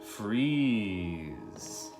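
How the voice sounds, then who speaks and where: Loud music plays behind this lowish male voice, which swings widely in pitch and moves very slowly. The speaker, a preschool teacher in his thirties, sits in his living room reading a picture book aloud and speaking directly to small children with questions and simple explanations.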